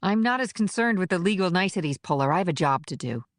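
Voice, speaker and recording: A woman's voice: lowish voice, lively intonation, fast talker, dry recording, studio quality, close to an everyday voice. A woman voicing a tough, blunt female federal agent in an audiobook, with clipped, defensive delivery. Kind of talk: audiobook character reading.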